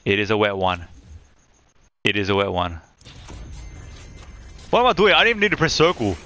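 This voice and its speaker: A young man streaming live from his room on a headset mic, chatting excitedly as he opens game loot. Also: on the low side, normal speed. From Australia.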